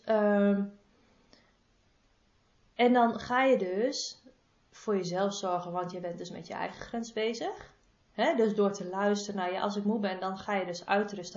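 A body-energy therapist offers casual advice in a mid-range, darkish voice, informal and affectionate toward the listener. She repeats her advice throughout this monologue, captured in a roomy, slightly muffled and dull-sounding recording.

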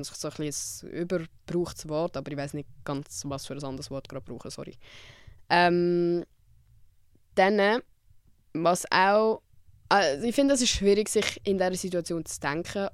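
A woman's voice: on the low side, no room sound, clean studio sound. A young woman from Switzerland with a Swiss German accent, talking frankly and casually as host of her own podcast. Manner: candid, frank, lively, with quoted inner dialogue. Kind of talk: casual solo podcast talk.

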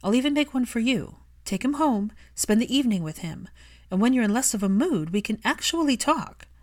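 A woman's voice: fairly high pitch, animated, brisk, a little mellow, pitched above the performer's own voice, close to an everyday voice. A woman reading fiction aloud and voicing an earnest, caring young woman who speaks firmly.

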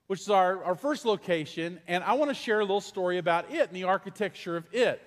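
Man, middle-aged pastor, high voice, conversational sermon, questions to the congregation, long hall reverb. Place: large church hall.

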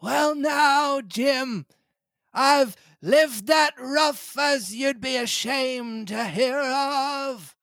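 Woman doing a half-crazed old castaway pirate, high shouting voice, slow drawl, sailor's dialect, dry close sound. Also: no echo, full character voice. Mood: excited. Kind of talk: storybook read-aloud.

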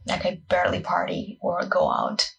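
An acting student around twenty from Portugal talks casually on her solo podcast, her Portuguese accent clear in a fairly husky, fairly low voice full of vocal fry. Her pitch swings hugely while her speed stays normal, and the recording is rough. She rambles self-consciously and scatteredly, leaning heavily on "like."

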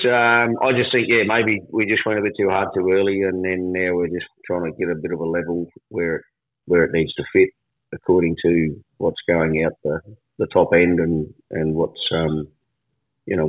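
A man with a rural Australian accent giving a casual livestock market report on radio in a laconic, colloquial outback drawl. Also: low voice. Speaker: livestock agent interviewed as guest. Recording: roomy, phone-like line.

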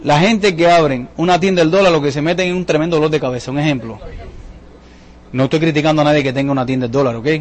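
Fast, animated male sales presenter. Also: fairly high pitch. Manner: animated, joking, asks the audience questions. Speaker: business presenter at a sales seminar. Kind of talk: lively motivational sales talk to a live audience.

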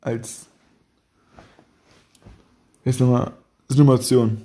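A man's voice: mid-range voice, little pitch movement, slow, mellow. A young man chatting casually on a podcast, rambling with slang and laughing a lot. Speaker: podcast host.

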